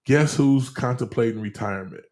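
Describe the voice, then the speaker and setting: A man's voice: mid-range voice, normal speed, a little mellow, echoey room. A man co-hosting a casual sports talk show, pressing his partner with pointed questions and playful ribbing.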